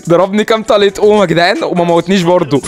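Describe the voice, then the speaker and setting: A man with an Egyptian Arabic accent giving excitable live commentary over his gameplay, calling out to his viewers. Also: sits high. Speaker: gaming YouTuber. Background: game music and gunfire.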